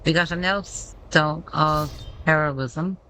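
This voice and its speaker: A woman's voice: sits low, slow, sharp tone, a little hiss or hum, low-quality recording. A woman giving casual gameplay commentary, thinking aloud and reading menu text out as she goes.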